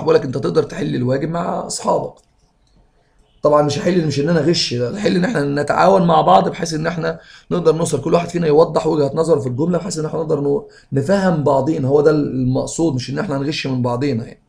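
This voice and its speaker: A man with an Egyptian Arabic accent, teaching English grammar and reading sentences slowly before explaining them quickly. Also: a little high, gravelly, darkish tone.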